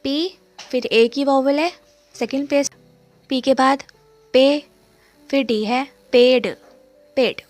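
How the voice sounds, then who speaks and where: A woman's voice: high voice, steady tone, takes it slowly, pauses often, darkish tone, no echo, faint music behind. A woman teaching shorthand step by step, repeating each sound and asking and answering her own questions. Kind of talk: step-by-step lesson explanation.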